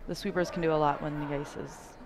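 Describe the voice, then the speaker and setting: A woman's voice: low-pitched, steady tone, fast talker. Brief: woman color commentator, hint of Canadian accent, easygoing and talkative, heavy noise behind her. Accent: slight Canadian. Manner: chatty, explains shots with frequent ums. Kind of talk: live sports commentary. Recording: loud background noise at the venue.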